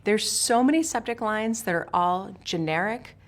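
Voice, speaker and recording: A woman's voice: mid-range voice, moderate pace. A woman from Switzerland narrating a sales course in an upbeat, emphatic coaching manner, speaking straight to the viewer. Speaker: sales instructor.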